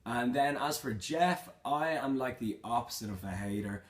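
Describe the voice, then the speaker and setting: A young man who vlogs about fitness answers questions he reads aloud in an easygoing Q&A, keeping it informal, direct and slangy. His voice is medium-pitched with lively intonation at a normal speed.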